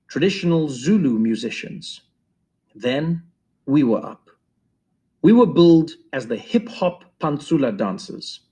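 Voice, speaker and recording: A man narrating a first-person memoir in an expressive storytelling voice. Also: mid-range voice. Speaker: audiobook reader.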